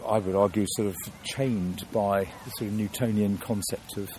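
A man's voice: on the low side, fairly even intonation, moderate pace, darkish tone, slight background noise. A man from London, a guest in an interview, talking thoughtfully with many restarts and fillers.

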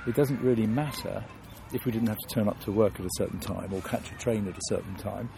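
A man's voice: lowish voice, steady tone, quick pace, gravelly, background noise. A man from London, a guest in an interview, talking thoughtfully with many restarts and fillers.

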